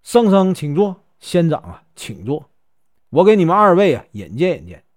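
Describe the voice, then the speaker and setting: Man playing a courteous, fretful wealthy host, Northeastern Chinese accent, lively tone. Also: a little high, moderate pace. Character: polite, anxious wealthy gentleman host.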